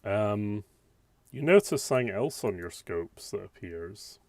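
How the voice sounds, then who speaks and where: A man's voice: on the low side, animated, unhurried, dry recording. A man acting as game master, narrating a tabletop role-playing session in a casual way. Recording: faint music behind the voice.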